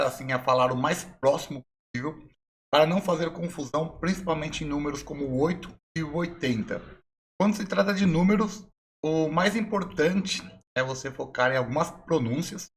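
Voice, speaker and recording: A young adult man with a Brazilian Portuguese accent, teaching an online English lesson and explaining slowly and patiently with repeated examples. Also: a little high.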